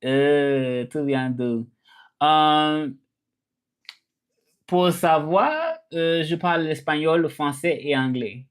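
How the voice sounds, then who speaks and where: A Southern American man from Memphis, Tennessee, who streams live and teaches languages, chats casually on stream and switches between English and French mid-thought. He repeats phrases and talks straight to viewers. His smooth voice is on the high side, with lively intonation and a slow pace.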